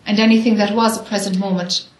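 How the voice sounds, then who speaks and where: A woman's voice: mid-range voice, fairly even intonation, fast. A woman leading a spiritual question-and-answer dialogue, probing and often affirming. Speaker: spiritual discussion leader. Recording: echoey room.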